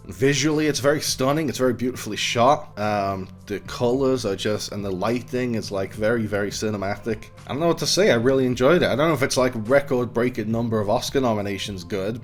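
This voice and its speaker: A young man chatting casually through film reviews, rambling with fillers and little laughs. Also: mid-range voice.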